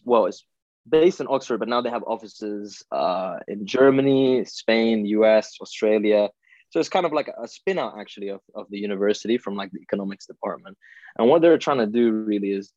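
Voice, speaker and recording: A young podcast guest, Indian-born but brought up in Italy, explains ideas in a conversational way, leaning on everyday examples and plenty of "you know"s. His voice sits fairly low with a darkish quality, captured in a dry, dull-sounding recording.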